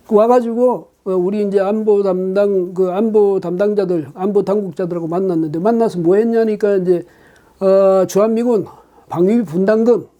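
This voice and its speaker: Guy doing solo political commentary on his channel, super dark mellow tone, keeps asking rhetorical questions, lots of uh fillers. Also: high-pitched. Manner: emphatic, with frequent rhetorical questions and hesitant fillers.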